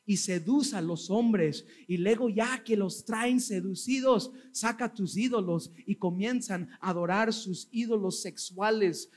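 A greedy prophet quietly lays out a scheme, voiced by a preacher. The voice is high and unhurried, with a sly, calculating tone. It is told as part of a sermon. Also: male voice. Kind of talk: sermon storytelling.

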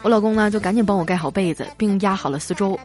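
A woman hosting a comedy show, reading out listener jokes in a lively storytelling way and chuckling through the punchlines. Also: medium pitch, fast talker, faint music behind. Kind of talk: comic storytelling.

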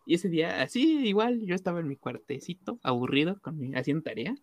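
Relaxed young Mexican man chatting. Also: on the high side, a little fast, no room sound. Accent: Mexican Spanish. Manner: relaxed, chuckles often. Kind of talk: casual storytelling chat.

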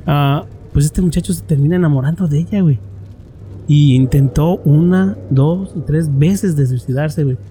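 A man's voice: fairly high pitch, moderate pace, warm tone, slight background noise. A man with a Mexican accent telling a story in casual, slangy chat, full of restarts and filler slang. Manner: slangy, peppers speech with "güey", many restarts. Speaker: podcast co-host telling a story.

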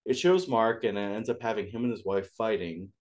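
A man's voice: lowish voice, a little fast. A young man co-hosting a podcast, chatting in an easygoing way and laughing often. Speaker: podcast co-host. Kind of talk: casual chat.

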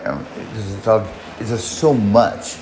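A man in his forties hosts a podcast and rambles through a long personal story, swearing and restarting often. His voice sits fairly low with a fairly even intonation, a little slow and a little mellow. The room is echoey, with faint noise in the background.

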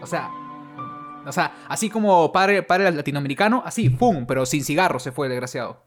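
A man's voice: a little high, lively intonation, a little fast, soft background music. A young man with a Peruvian accent telling a legend as a crude, joking co-host. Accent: Peruvian Spanish. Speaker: podcast co-host. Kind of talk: comic storytelling.

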